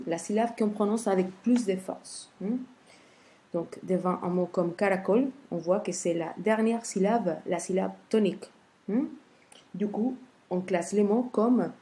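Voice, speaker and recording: A woman teaching a grammar lesson in French, speaking slowly and carefully, with many soft "hmm" pauses between steps. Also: medium pitch. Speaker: Spanish teacher.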